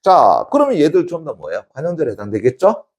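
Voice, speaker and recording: A middle-aged male literature teacher, giving an exam-prep lecture. His pitch leaps and dips constantly as he talks. He keeps firing off quick check-in questions and then answers them himself. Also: wildly swooping pitch, a little mellow.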